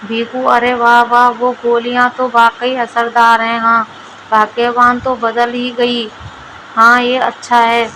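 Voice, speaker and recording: A woman reading a storybook aloud, voicing a simple-minded village husband in a flat, even way. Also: fairly high pitch, slow pace, slight background noise, rough recording. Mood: pleased.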